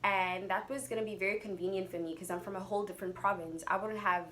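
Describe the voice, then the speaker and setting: A young woman with a South African accent talks in a mid-range voice, telling a story casually to her viewers. Her delivery is chatty and slangy, with expressive turns. A faint layer of noise sits behind her. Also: medium pitch, quick pace. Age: young adult. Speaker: YouTuber telling a personal story.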